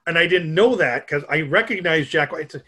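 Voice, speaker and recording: A middle-aged man from Minnesota, talking in a fairly high voice. He rambles in easygoing podcast chat and pokes fun at himself. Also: animated, a little fast, sharp tone, husky. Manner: rambling, joking, self-mocking. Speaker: podcast co-host. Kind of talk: casual chat.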